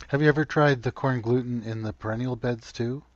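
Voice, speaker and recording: A man hosting a radio show, asking a gardening guest questions in a relaxed way. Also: medium pitch, a little fast, no echo. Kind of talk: radio interview. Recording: dry, slightly dull studio sound.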